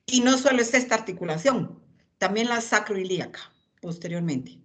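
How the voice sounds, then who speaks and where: A woman's voice: medium pitch, lively intonation, normal speed. A woman lecturing anatomy, pointing out images and calling on students by name.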